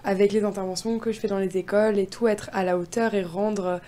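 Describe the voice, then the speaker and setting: A woman's voice: mid-range voice, steady tone, fast, dark tone. A young woman from France, a poet guest answering interview questions eagerly with many hesitations. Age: young adult.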